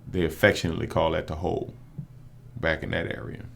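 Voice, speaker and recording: A New Orleans prosecutor and judge candidate tells stories in a laid-back way, using street slang on a casual podcast. His bass voice is fast and flat, with vocal fry.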